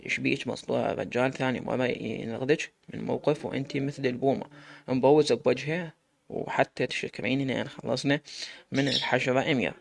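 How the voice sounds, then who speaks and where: A man voicing a bold young woman who teases and scolds her friend, in a storytelling recording with loud background noise. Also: mid-range voice, fairly even intonation, fast, vocal fry. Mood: teasing. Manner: teasing, scolding.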